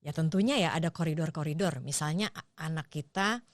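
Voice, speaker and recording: A woman's voice: low-pitched, fairly quick, dry recording. A woman speaking as a podcast guest, thoughtfully explaining ideas step by step with everyday examples. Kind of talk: explanatory casual conversation.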